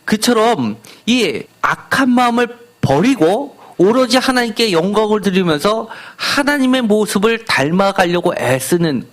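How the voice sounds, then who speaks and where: A man preaching a sermon as pastor, putting rhetorical questions to the congregation. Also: sits high.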